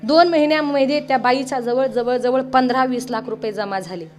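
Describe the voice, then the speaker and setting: A woman giving a devotional kirtan, telling a story in a lively way and breaking into sung verses. Her voice sits high, and a faint instrument plays behind her. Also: fairly quick, soft background music. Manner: animated storytelling, rising into song. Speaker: kirtan preacher.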